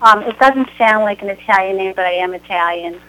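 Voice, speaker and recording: A woman's voice: mid-range voice, fairly quick, bright, forceful tone, a little hiss or hum, rough recording. A woman caller on a phone-in show, chatty and giggly. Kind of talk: phone-in chat.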